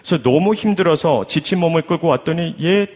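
A man's voice: a little high, expressive, brisk, a little mellow, long reverb tail. A man voicing a tired wife pouring out her troubles to her husband. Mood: weary. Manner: weary, complaining.

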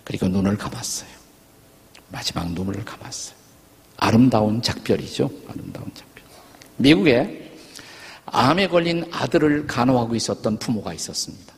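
A man's voice: medium pitch, lively intonation, moderate pace, pauses often, breathy edge. A man in his sixties, a pastor telling stories in a sermon with an earnest manner. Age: 60s. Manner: earnest storytelling preacher. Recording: long reverb of a large church hall.

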